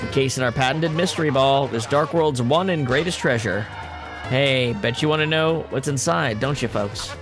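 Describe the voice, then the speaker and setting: A man voicing an excitable TV game show host as a booming prize announcer, in a showy manner. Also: moderate pace, over music, lightly acted. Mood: showy, excited.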